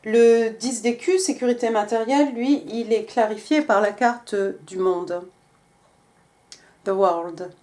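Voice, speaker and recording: A woman's voice: a little high, a little slow, few pauses, warm tone. A woman giving a casual tarot reading, talking with many hesitations and restarts. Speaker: tarot reader.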